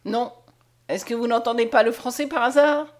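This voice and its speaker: A surly, stubborn male soldier barks short refusals, as a woman reader plays him. Audiobook narration with a higher voice than the rough role suggests. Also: moderate pace, natural voice. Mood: rude. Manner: curt, rude. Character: gruff stubborn wounded male soldier on guard. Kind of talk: audiobook character voice.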